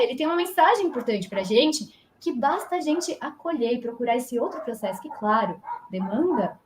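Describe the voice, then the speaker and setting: A woman's voice: medium pitch, background noise. A woman speaking as an engineer guest in a live video interview, explaining animatedly and acting out imagined dialogue. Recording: roomy echo.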